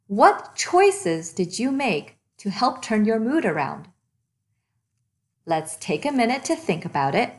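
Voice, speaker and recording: A woman with a mid-range, slightly bright voice hosts a children's read-aloud, narrating a storybook expressively and deliberately for young listeners.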